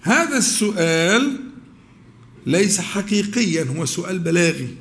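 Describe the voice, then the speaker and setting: A man with an Egyptian accent teaching a religious lesson, asking his students questions and pausing often to find words. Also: high voice, sing-song, fairly bright tone. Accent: Egyptian Arabic. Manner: questions the audience, with many drawn-out pauses and restarts.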